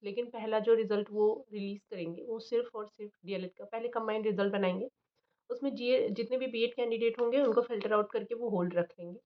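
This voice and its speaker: A woman's voice: a little high, steady tone, a little fast. A young woman chatting casually about exam results, thinking aloud with fillers and restarts. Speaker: channel host, teaching job aspirant. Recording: slightly dull lo-fi recording.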